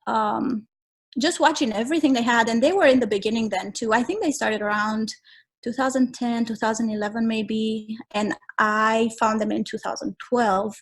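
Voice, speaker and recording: A woman in her forties from Romania, speaking as a podcast guest and telling her story in a measured, reflective way with frequent ums. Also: a little high, fairly even intonation. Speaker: guest, travel photographer. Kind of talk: casual interview.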